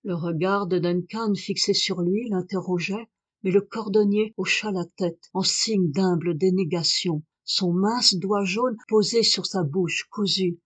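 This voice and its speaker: A woman reading a literary novel aloud in a measured, expressive way. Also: medium pitch, slightly rough. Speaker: audiobook reader. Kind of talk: scripted literary narration.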